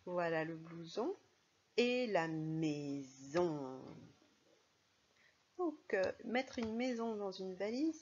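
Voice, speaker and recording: A woman's voice: on the low side, breathy edge, highs cut off. A woman teaching a primary school phonics lesson, speaking patiently and stressing each sound and syllable.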